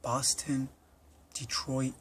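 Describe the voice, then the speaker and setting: A man's voice: medium pitch, little pitch movement, extremely slow, fairly bright tone, husky. An American man in his twenties, a detainee recording a personal statement in an earnest, impassioned way and pressing rhetorical questions. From United States. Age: 20s. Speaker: detainee making an appeal.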